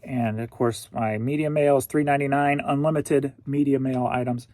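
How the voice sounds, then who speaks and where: Here a goofy online reseller in his forties, hailing from St. Louis, Missouri, cracks jokes to himself as he packs orders. He speaks at normal speed in a medium pitch with fairly even intonation and a darkish tone, captured in a dry recording.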